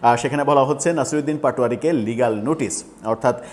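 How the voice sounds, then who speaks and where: Guy doing a political commentary vid, lots of uhs and pauses, room rings with reverb. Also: mid-range voice. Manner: hesitant, many filler sounds.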